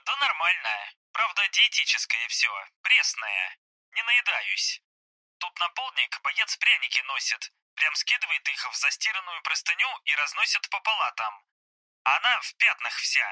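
A man's voice: a little high, sing-song, normal speed, dry recording, voice pushed up, full character voice, poor audio. Man voicing a wry wounded soldier on the phone. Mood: wry grumbling. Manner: soft, joking complaints over the phone. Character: wounded young male soldier in hospital, wry.

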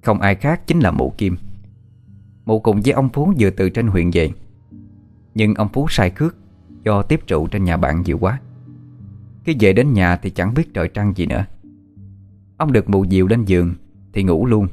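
Male horror-story narrator, slow and measured delivery, low voice, faint music under him. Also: lively intonation, a little mellow.

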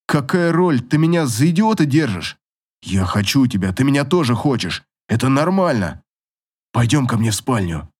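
Possessive husband, demanding and breathless, as the narrator plays him. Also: male voice, mid-range voice, very animated, normal speed, breathy edge. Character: young husband, forceful and possessive.

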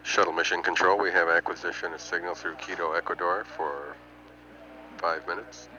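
A man giving official spaceflight status commentary in a measured, halting way, reading figures formally over a muffled radio feed. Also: low voice, steady tone, bright, forceful tone. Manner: measured, halting delivery with formal number readouts. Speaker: mission control public affairs commentator.

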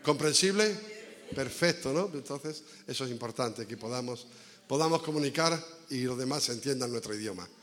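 With lively intonation and a mid-range, slightly bright voice, a visiting preacher delivers a conversational evangelical sermon at normal speed. He asks rhetorical questions and repeats phrases for emphasis, his words reverberating through an echoey church hall.

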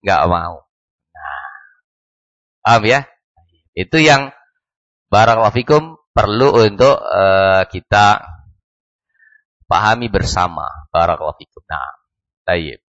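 A man with an Indonesian accent teaching a mosque lesson, acting out little dialogues and reciting Arabic slowly. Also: fairly low pitch, lively intonation, a bit bright, no room sound. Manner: acts out little dialogues, frequent "barakallahu fikum"; slow, measured recitation of Arabic text. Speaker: ustadz teaching a book study. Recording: dull lo-fi dry recording.

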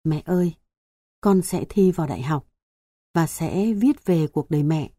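A woman voicing a hushed, earnest teenage student. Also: sits low, unhurried, no echo. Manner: hushed and choked up.

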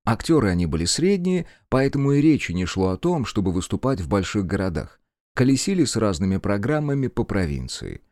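A man narrates an audiobook in a measured, even reading voice. His voice sits low and the recording is dry and close. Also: no room sound. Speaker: audiobook reader. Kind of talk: scripted narration.

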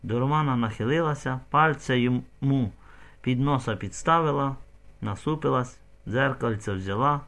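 A man narrating an audiobook in an expressive, emotional storytelling manner. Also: mid-range voice, normal speed.

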